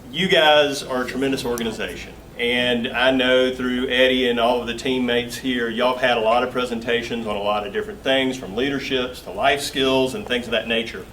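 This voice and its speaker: Recorded from a distance with faint room noise, this easygoing guest speaker, a man in his 40s with an Augusta, Georgia Southern accent, jokes folksily through a casual company talk, using filler words. He has a mid-range, fairly bright voice.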